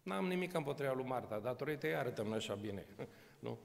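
Long reverb fills the recording as a sixty-something pastor speaks into a podium microphone in a big church hall. His sermon is chatty, peppered with rhetorical questions and humorous touches, delivered in an expressive, mid-range voice with vocal fry.

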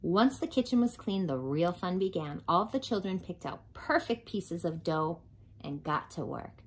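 A woman reading a picture book aloud to children in an expressive storytelling style. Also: lowish voice, moderate pace, breathy edge. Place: small home playroom, indoors.

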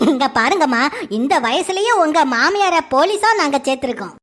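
A woman's voice: high voice, lively intonation, fairly quick, fairly bright tone, a little hiss or hum. A woman voicing a young, officious male police officer in a cartoon. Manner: officious, explaining.

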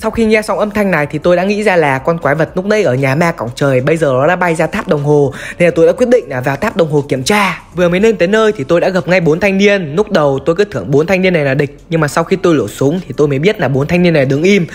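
A man's voice: a little high, fast, hardly any pauses, soft background music. A man narrating his own game-based horror story, chatty and talking straight to his viewers. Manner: chatty, addresses viewers as brothers. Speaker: gaming YouTuber.

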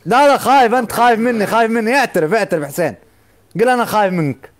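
A man's voice: sits high, very fast. A man, a live streamer taunting his rival and urging his viewers on in a boisterous stream battle.

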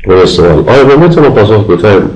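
A man with an Afghan Dari accent giving a recorded grammar lecture, patiently explaining and slowly repeating example sentences. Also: on the low side, very animated, a little mellow, reverberant, rough recording. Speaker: university English lecturer.

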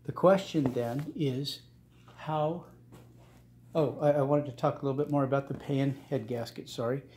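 A middle-aged man giving a casual workshop how-to, talking in a halting way with many fillers and restarts. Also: medium pitch, a little mellow, slight background noise. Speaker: channel host restoring cars. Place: home garage workshop, indoors.

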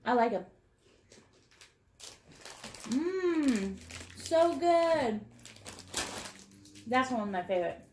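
A woman's voice: high-pitched, very animated, very slow, pauses often, a little mellow, roomy sound, a little hiss or hum. A woman hosting a casual snack-tasting vlog, nervous and exclaiming often. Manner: nervous, lots of "oh no" and "oh God". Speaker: channel host.

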